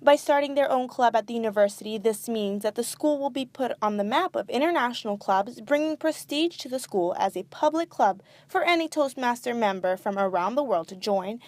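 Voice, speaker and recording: A woman hosting a local TV news segment, reading scripted narration. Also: fairly high pitch. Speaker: TV news host and reporter.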